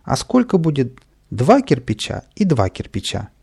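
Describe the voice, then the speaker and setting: A man voicing an amused painter in a storybook, speaking in a husky, gravelly voice. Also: mid-range voice, wildly swooping pitch, normal speed, mellow, pitched above the performer's own voice, full character voice. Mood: teasing. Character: amused, teasing grown-up painter.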